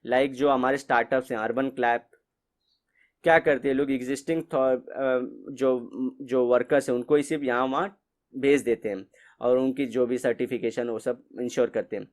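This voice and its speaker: A man's voice: medium pitch, fairly even intonation, normal speed. A man teaching a class in a casual, conversational way, mixing English phrases into his explanations. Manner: conversational, mixes English phrases, repeats ठीक है.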